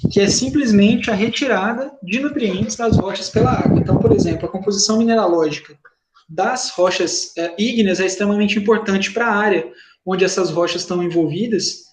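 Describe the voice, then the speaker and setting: A man's voice: high-pitched, fairly quick. A man with a Brazilian Portuguese accent teaching an online class, speaking informally and checking in with his students. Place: home, video call. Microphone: computer mic on video call. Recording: echoey room, noisy call audio.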